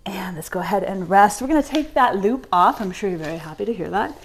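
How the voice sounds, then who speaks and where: A woman's voice: mid-range voice, expressive, fast talker, husky. A young woman leading a home workout, giving encouraging cues while exercising along, getting out of breath at times. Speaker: fitness instructor.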